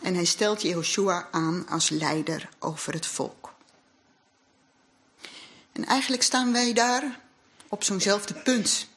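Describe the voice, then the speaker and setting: A woman with a mid-range, fairly bright voice speaks slowly and pauses often. As a congregation's lay speaker, she gives an earnest, reflective sermon in a church hall, mixing scripture with testimony from her own life.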